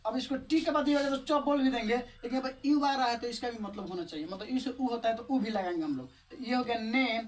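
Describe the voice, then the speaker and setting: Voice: mid-range voice, slight background noise. An English pronunciation teacher gives an online video lesson. The teacher spells words letter by letter and asks and answers their own questions in a casual, chatty way. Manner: explains step by step in a casual, chatty tone. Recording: voice a little distant from the mic.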